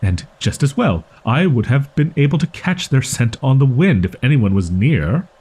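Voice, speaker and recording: A man acts a husky, proud young wolf-boy in a roleplay audio drama monologue aimed at the listener, a tsundere type who is easily flustered. Indignant and defensive, he uses haughty, stilted archaic phrasing, insists on his pride, and stammers defensively. His voice is mid-range, darkish and very animated, at a normal speed.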